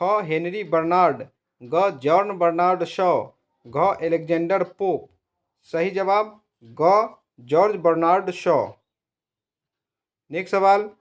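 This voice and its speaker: A man with a fairly high voice presents teacher-exam quiz questions. He reads each option in a steady, measured way and slows noticeably when he gives the right answer. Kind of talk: reading multiple-choice questions and answers.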